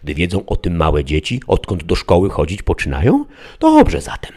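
A man's voice: sits low, huge pitch swings, moderate pace, darkish tone, husky, exaggerated voice. A man reading an earnest pleading old-time squire. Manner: pleading, wordy, old-fashioned speech. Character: simple loyal squire, adult male, earnest and pleading. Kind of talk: audiobook character reading.

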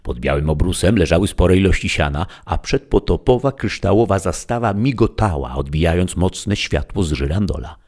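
A man reading a story aloud as an audiobook narrator, in a measured, dramatic way. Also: low-pitched, lively intonation, darkish tone. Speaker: audiobook reader.

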